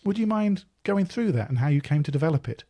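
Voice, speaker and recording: Podcast host, man, thoughtful and rambling, dark gravelly voice. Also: fairly high pitch, expressive, quick pace. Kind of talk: interview chat.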